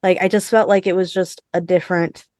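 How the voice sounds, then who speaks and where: A woman co-hosts a podcast in casual, conversational chat, frequently dropping in "like" as she talks. Her voice is fairly low, steady and darkish, a little fast, in a studio-quality recording with no echo.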